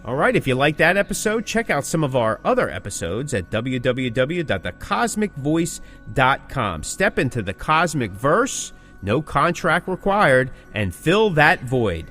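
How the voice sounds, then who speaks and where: With a sing-song, medium-pitched voice and a sharp tone, a man co-hosts a music business podcast at a measured pace with few pauses, soft music behind him. His casual, emphatic advice keeps circling back to key points, ending in scripted sign-offs.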